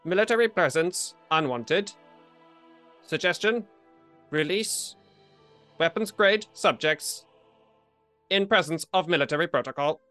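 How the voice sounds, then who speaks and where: A man's voice: fairly high pitch, animated, unhurried, long pauses, pushed and bright, soft background music. A man voicing a talking lab bench computer in a tabletop game, speaking in clipped, robotic processing announcements. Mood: flat robotic.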